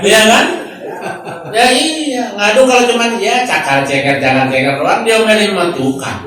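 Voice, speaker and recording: Joking preacher in an echoey hall. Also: male voice, high-pitched, moderate pace, far from the mic. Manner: joking, colloquial, lively call-and-response with the audience. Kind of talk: humorous sermon. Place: prayer hall.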